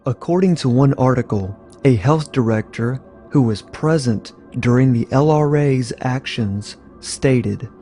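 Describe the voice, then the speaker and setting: Measured man narrating over music. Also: medium pitch, mellow.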